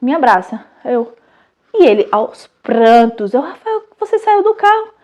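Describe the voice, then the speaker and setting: A Brazilian woman in her thirties, a mother and channel host, telling a family story in a casual, animated, chatty way with many restarts. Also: on the high side, unhurried, highs cut off, heavy background noise. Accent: Brazilian Portuguese.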